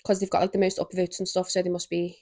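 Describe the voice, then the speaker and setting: A woman's voice: on the low side, monotone, mellow, no room sound. Young woman podcast host, dry close sound. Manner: chatty, giggly, reads with quick asides. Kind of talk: casual chat and reading stories aloud.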